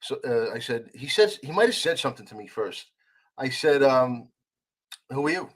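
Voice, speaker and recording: A man as a podcast guest, telling a heated story in a casual conversation, with some swearing. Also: mid-range voice. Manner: fast, animated, swearing, retelling a confrontation.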